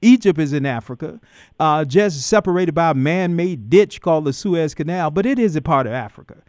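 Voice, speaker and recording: A man's voice: on the high side, expressive, brisk, darkish tone, dry recording, studio quality. A man hosting a call-in radio talk show, folksy and preacherly, voice rising and dropping in emphatic bursts. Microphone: studio microphone.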